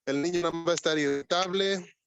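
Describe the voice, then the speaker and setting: A man's voice: sits high, normal speed, vocal fry, muffled recording, music in the background. A man teaching a medical class online, quizzing his students, his voice breaking up over a bad internet connection. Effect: choppy, breaking-up internet connection. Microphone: computer on a video call.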